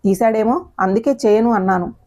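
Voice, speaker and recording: A woman voicing a proud, stern older father who speaks in a gruff, questioning tone in an audio story. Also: a little high, fairly quick, dark tone, natural voice.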